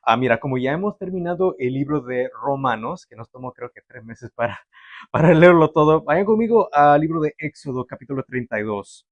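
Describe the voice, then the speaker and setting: A young Canadian-born pastor preaches a sermon to a livestream audience, conversational and animated, with fillers and restarts. His medium-pitched voice is brisk, and the recording is dry and dull.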